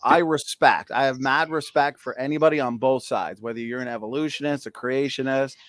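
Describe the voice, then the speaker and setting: A man's voice: mid-range voice, steady tone, brisk, a bit bright, no echo. Friendly male host, upbeat chatter, dry studio-close sound. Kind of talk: casual debate hosting.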